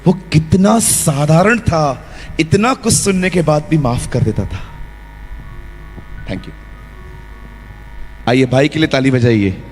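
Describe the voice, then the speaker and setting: A man preaching a lively sermon in a church, acting out quotes and scenes as he goes. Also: a little high, takes it slowly, pauses often, slight background noise. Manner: lively preaching with acted-out quotes and role-play. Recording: long hall reverb.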